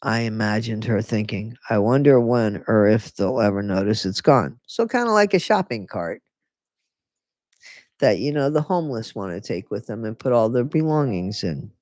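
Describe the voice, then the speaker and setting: In a dry, studio-quality recording, a medium-pitched voice with lively intonation and a darkish tone reads at normal speed. The livestream host works through a book aloud, stopping often to reread a line and slipping in chatty, sarcastic remarks between passages.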